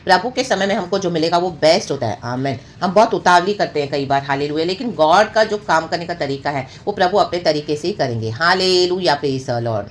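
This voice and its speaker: Brief: woman preacher, fairly low voice, constant amens and hallelujahs, faint hiss behind. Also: animated, fairly quick, hardly any pauses. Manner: peppers talk with amen and hallelujah; mixes English phrases into her preaching. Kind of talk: sermon.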